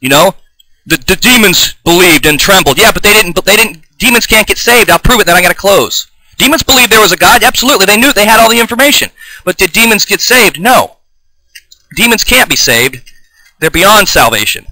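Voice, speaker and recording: A man giving an improvised, combative video sermon, reading scripture aloud, often restarting and clearing his throat. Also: sits high, animated, a little fast, bright, forceful tone, rough recording. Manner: fired-up, combative, denouncing opponents. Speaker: self-taught online preacher.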